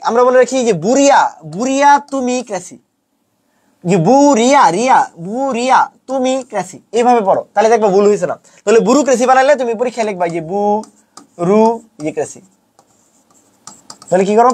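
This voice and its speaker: A young man giving an online lesson, casual and teasing, often chanting memory rhymes slowly in a sing-song way. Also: high voice, darkish tone. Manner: chanting mnemonics; colloquial teasing. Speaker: teacher.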